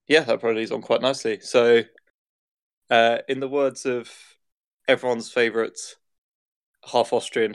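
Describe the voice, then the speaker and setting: A man hosting a podcast, introducing the episode in a loose, rambling way with uhs and restarts. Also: medium pitch. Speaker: podcast host. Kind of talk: casual chat.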